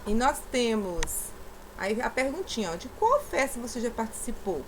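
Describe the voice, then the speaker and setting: A woman's voice: a little high, very animated, moderate pace, a little hiss or hum, poor audio. A Brazilian woman from the southeast, a primary school teacher patiently explaining a lesson and stressing syllables aloud.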